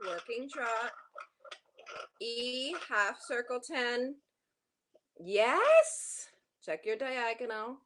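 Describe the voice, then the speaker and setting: A woman coaching a horse riding lesson, projecting brisk, urgent, repeated short commands with encouragement. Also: a little high, fairly bright tone.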